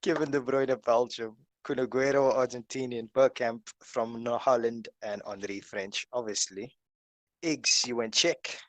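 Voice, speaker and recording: A man's voice: medium pitch, steady tone, measured pace, no room sound. Guy hosting a chat, lots of uhs as he reads a list, pretty dry sound. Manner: reads through lists with many fillers. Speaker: host. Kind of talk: casual video-call chat.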